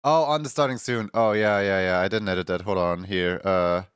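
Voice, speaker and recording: Streaming live one morning, a man chats casually with his viewers in a congested voice, rambling, laughing often and greeting chat members by name. His low, resonant voice is clear and brisk, captured in studio quality without echo.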